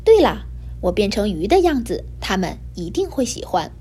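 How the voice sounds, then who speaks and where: A woman's voice: mid-range voice, very animated, normal speed, warm tone, breathy edge. A woman voicing a lonely, eager little rain cloud in a children's storybook reading. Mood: curious.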